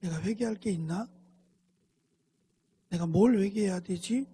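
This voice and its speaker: A man's voice: high voice, measured pace, mellow, slightly rough, heavily acted. A man voicing a troubled teenage girl who prays to God in a pleading, complaining way, close to tears. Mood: soul-searching. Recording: long hall reverb.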